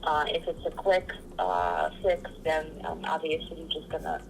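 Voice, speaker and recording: A woman's voice: deep voice, sing-song, normal speed, vocal fry, noisy background. Patient woman recruiter over the phone. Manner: patient, hesitant with many fillers. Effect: heard over a phone call. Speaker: trucking company recruiter. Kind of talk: phone call answering a job inquiry.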